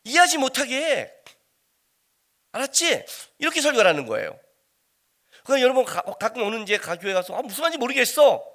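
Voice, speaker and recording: Animated Korean pastor, high lively voice. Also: male voice. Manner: animated, conversational preaching with rhetorical questions to the congregation. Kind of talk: sermon.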